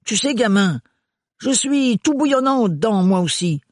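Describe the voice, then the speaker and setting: A burly, good-natured servant in a storybook reading talks bluntly in folksy slang, raised and loud, as a male reader puts him on. The voice is dry and close to the mic. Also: sits high, animated, measured pace, no echo, voice pushed up. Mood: hearty. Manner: folksy, blunt working-class speech.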